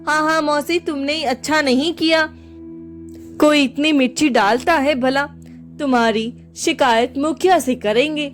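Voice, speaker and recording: A woman's voice: high voice, unhurried. A woman doing scolding angry villagers. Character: angry village crowd members, accusing.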